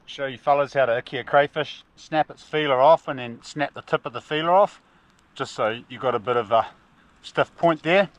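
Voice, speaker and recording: A man's voice: mid-range voice, moderate pace, muffled recording. A man from New Zealand with a broad Kiwi accent, talking casually and slangily in an outdoor adventure vlog in a laid-back manner. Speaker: vlogger. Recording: noisy outdoor recording with ambient sound.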